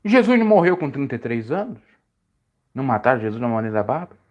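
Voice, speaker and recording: A man preaching casually on a live stream, rambling and correcting himself, his voice jumping high when he stresses a point. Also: big pitch swings, fast talker, darkish tone, dull audio. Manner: rambling, self-correcting, pitch swings high when emphatic.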